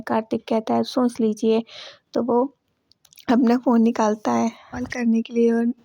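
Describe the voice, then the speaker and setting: Flat, gravelly-voiced woman recapping an episode. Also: fairly high pitch, no echo. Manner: chatty, repeats "she says" and "okay". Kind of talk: casual retelling of a TV serial episode. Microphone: voice-over recorded close to mic.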